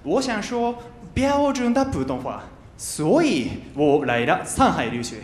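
A man's voice: sits high, very animated, unhurried. A man in his twenties from Japan, a native Japanese speaker, doing stand-up with a Japanese accent and careful learner's phrasing on a handheld mic. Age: 20s. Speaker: stand-up comedian. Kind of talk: stand-up comedy monologue. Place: large TV studio stage with live audience. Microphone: handheld microphone. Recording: roomy stage sound with audience noise.

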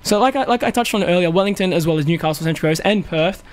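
A man's voice: sits high, quick pace. A man co-hosting a casual football chat show, joking and laughing often. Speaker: co-host.

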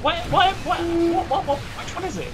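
A man joking loudly and swearing while playing a strategy game with friends over voice chat. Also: very high voice, animated, fairly quick, over music. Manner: loud, sweary, jokey. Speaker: gamer on voice chat. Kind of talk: casual gaming banter.

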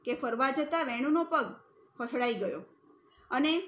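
A woman teacher reading a story aloud for a class and then explaining it, acting out the characters' shouts with feeling. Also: high voice, expressive, unhurried.

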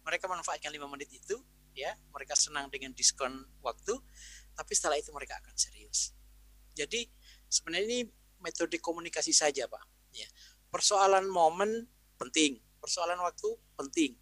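A man's voice: on the high side, lively intonation, brisk, long pauses, fairly bright tone, no room sound, low-quality recording. Man giving an explanatory parenting talk. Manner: conversational and explanatory, often acting out quoted parents and teachers. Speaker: Islamic parenting speaker. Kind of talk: webinar talk answering a question.

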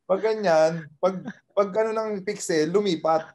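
A man's voice: high-pitched, normal speed. A man in his thirties, a podcast guest, telling a story in a casual chat and acting out the lines of the people in it. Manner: animated, acts out quoted exchanges. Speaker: podcast guest, former college basketball player.

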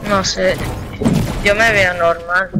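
A woman with a Spain Spanish accent chatting with teammates during a game, with excited bursts of callouts. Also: on the low side, slow pace, very noisy. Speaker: gamer. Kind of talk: casual gaming chat with teammates. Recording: game sounds and clicks behind the voice.

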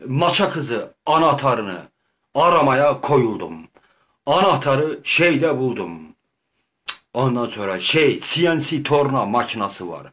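A man's voice: mid-range voice, a bit bright. Rambling, swearing man narrating his game. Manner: rambling, swearing, acts out quoted lines. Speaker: gamer. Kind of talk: comic improvised game commentary.

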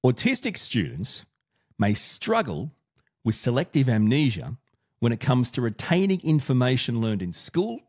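A man hosting an educational video, deliberately speaking in slowed-down slow motion. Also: medium pitch, husky. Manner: lively, self-correcting. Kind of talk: explaining to camera.

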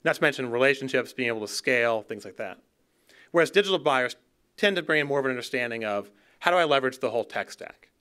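A man in his thirties delivers a keynote talk on a dark auditorium stage, speaking into a podium microphone. His voice is bright and clean, with a smooth, resonant tone. He talks fluently and conversationally, doubling a word now and then as he restarts a thought. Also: medium pitch, expressive, quick pace. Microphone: podium gooseneck mic.

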